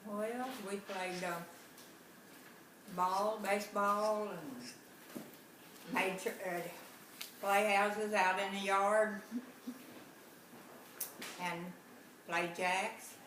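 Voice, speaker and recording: A woman, slowly and haltingly recalling her childhood in a family interview. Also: medium pitch, steady tone, a bit bright. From Arkansas. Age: 90s. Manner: slow, halting recollection, hard of hearing. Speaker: interviewee, grandmother. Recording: echoey room, far mic, noisy.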